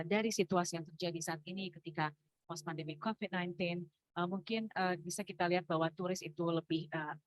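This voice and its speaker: A woman's voice: fairly low pitch, poor audio. A woman with an Indonesian accent moderating a seminar and summarizing in two languages, speaking hesitantly with many fillers.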